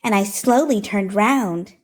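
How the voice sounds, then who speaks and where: A woman with a medium-pitched voice reads a rhyming picture book aloud slowly during storytime. She gives it an expressive, rhythmic, sing-song delivery.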